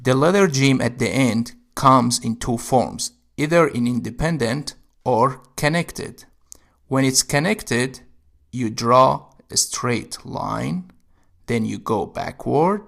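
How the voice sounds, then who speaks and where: A man's voice: mid-range voice, slow, gravelly, fairly bright tone. A man teaching Arabic letters, explaining how to write each one step by step. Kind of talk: instructional narration.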